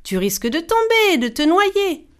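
A woman voicing a sly, treacherous brother in a storybook tale, falsely gentle and coaxing. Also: very high voice, big pitch swings, moderate pace, voice pushed up. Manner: falsely gentle, then hard.

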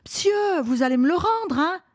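A pleading little boy with a high, whiny voice, as a woman reader puts him on in a children's storybook. The sound is dry and close. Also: lively intonation, normal speed, dry recording. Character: young boy, pleading and eager. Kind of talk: storybook reading.

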